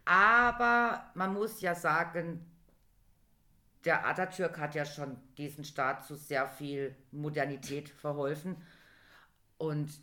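A woman co-hosting a casual chat, lively and emphatic with quick asides. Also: deep voice. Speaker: podcast co-host.

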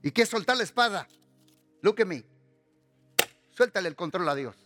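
A man preaching a sermon as pastor, lively and full of humorous personal stories. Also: high-pitched, moderate pace, music in the background.

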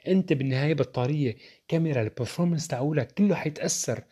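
Opinionated young male tech vlogger, Levantine accent, rapid delivery, slightly raspy tone. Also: a little high, dark tone. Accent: Levantine Arabic. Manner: opinionated, rhetorical, addresses viewers directly. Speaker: tech reviewer. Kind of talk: casual tech opinion talk.

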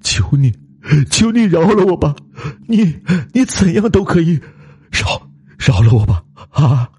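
Man playing a scared sobbing driver, stutters a lot, voice pushed up high and raspy. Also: big pitch swings, measured pace, a little mellow, dry recording, heavily acted. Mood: begging. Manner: stammering, sobbing, begging. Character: terrified middle-aged male driver, guilty, broken.

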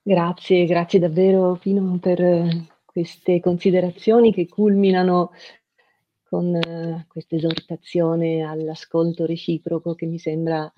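A woman hosts a conversation and politely moderates, putting questions to her guest. Her voice sits low for a woman. The recording sounds slightly dull and muffled. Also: little pitch movement, a little slow. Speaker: host. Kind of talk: hosted conversation.

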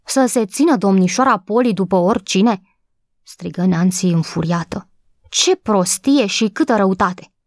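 A woman voicing an excitable young housemaid who is gossipy, breathless and quick to take offense, in an audiobook reading. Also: mid-range voice, no echo, studio quality, lightly acted. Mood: excited. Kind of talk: audiobook character voice.

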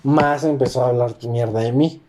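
Slangy young Mexican man, mellow voice. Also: medium pitch, moderate pace. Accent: Mexican Spanish. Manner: slangy, animated storyteller with frequent fillers. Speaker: podcast host. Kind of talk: casual storytelling chat.

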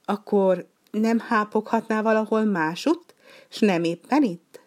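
A little grumpy penguin from a children's storybook, voiced by a woman reading aloud. He grumbles bluntly and asks puzzled questions, shifting between low mutters and sharp calls. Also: close to an everyday voice. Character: small, grumpy young penguin.

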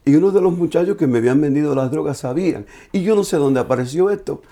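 Man, slightly high voice, earnest and halting, giving an emotional personal testimony. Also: mellow. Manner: halting, earnest storytelling with repeated restarts. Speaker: speaker sharing a personal testimony.

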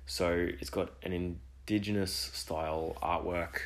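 A man's voice: low-pitched, fairly even intonation, unhurried. A man hosting an education podcast alone, talking enthusiastically and rambling with restarts and asides. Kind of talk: solo podcast monologue.

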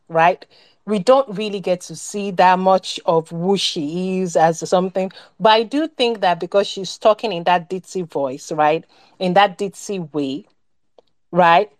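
A woman's voice: fairly low pitch, dry recording. A woman co-hosting a podcast, talking casually about a film, rambling with many restarts and fillers. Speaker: podcast co-host.

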